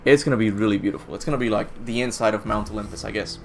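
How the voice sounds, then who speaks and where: A young gaming channel host from Cuba races through a casual livestream Q&A, answering viewer questions in a fairly low, steady-toned voice. Rambling and self-deprecating, he laughs at his own slips while faint music plays in the background.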